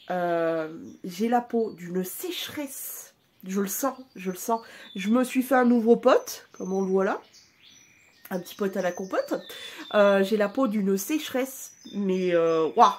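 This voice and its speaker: A woman's voice: mid-range voice, a little mellow. A woman vlogger chatting casually at home, informal and chatty, with the odd casual swear word. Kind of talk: casual vlog chat.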